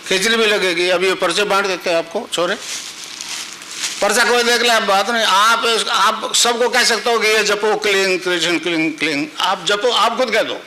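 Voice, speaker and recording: A man's voice: sits high, fairly even intonation, moderate pace, sharp tone, a little hiss or hum, low-quality recording. An older man, giving a spiritual discourse as a guru and often checking that listeners follow. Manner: rhetorical checks on listeners, repetitive chanting demonstration. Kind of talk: spiritual discourse to a live audience.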